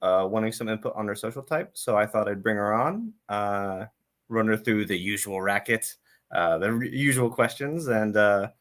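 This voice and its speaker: A man's voice: lowish voice, lively intonation, moderate pace, a bit bright. A man hosting a casual live-streamed interview, talking in an easygoing way with frequent filler words. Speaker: interview host.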